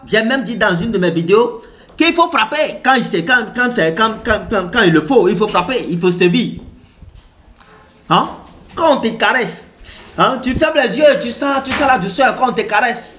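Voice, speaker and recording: A man with an African French accent giving an animated motivational talk, repeating himself and firing rhetorical questions at the listener. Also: very high voice, normal speed. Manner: animated, repetitive, rhetorical questions, acts out reactions. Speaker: motivational speaker.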